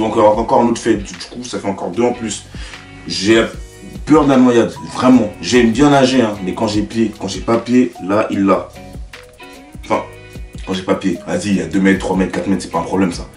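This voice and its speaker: A young man with a French accent, a YouTuber telling stories in a casual, slangy, animated way and talking straight to the viewer. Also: on the low side, normal speed, distant mic. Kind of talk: casual storytelling to camera. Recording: roomy, away from the mic, faint music.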